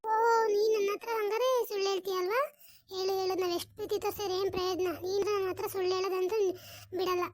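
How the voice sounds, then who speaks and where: A woman's voice: very high-pitched, level tone, darkish tone, dry recording. Woman playing a nagging village sister-in-law. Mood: coaxing. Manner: coaxing then scolding, rapid nagging questions. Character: scolding caring elder sister-in-law, nosy. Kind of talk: cartoon voice acting.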